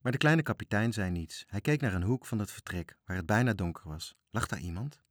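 A man reading a children's story aloud, with lively, expressive narration. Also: on the low side, a little fast, slight background noise.

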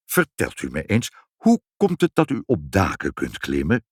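A man voicing a kindly old Saint Nicholas who speaks slowly and deliberately in a deep, husky tone. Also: wildly swooping pitch, no room sound, studio quality, full character voice. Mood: musing. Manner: slow, deliberate, musing.

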